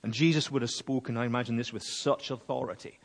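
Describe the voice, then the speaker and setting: A man preaching a sermon in a church, telling the story in a lively way and acting out the crowd. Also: medium pitch, fast, creaky. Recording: long hall reverb.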